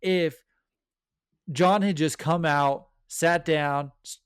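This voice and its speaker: Enthusiastic podcast co-host, a man with a slightly high voice, dry close-miked sound. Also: slow pace, smooth, no echo. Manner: enthusiastic, animated storytelling. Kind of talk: casual chat.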